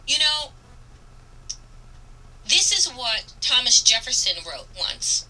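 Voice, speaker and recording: In a rough recording from a distant mic, a radio host speaks in a high, sing-song, pushed and bright voice. Her political commentary is impassioned and read aloud, with earnest, emphatic stress and dramatic repetition of key phrases, delivered deliberately.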